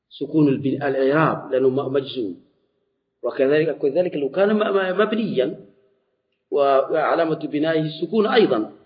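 A man teaching a classical Arabic morphology lesson, explaining slowly and deliberately with frequent restarts. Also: fairly high pitch. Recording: dull lo-fi recording.

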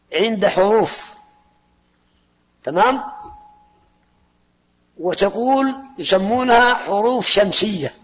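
Male grammar teacher, very high voice, questioning and repetitive, dull hall recording. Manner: questioning, repeats key terms, drills students with "ha?". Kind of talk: Arabic grammar lesson to students.

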